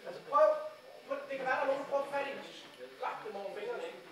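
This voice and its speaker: A man directing a school play rehearsal, giving brisk instructions while thinking aloud, recorded from a distance in a large school hall. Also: very high-pitched, a crowd in the background. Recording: echoey hall from far off, noisy.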